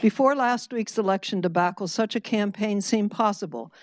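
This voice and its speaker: A woman reads a written public comment to a board in a measured way. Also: mid-range voice, a little mellow, no echo. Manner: measured, reading a written statement.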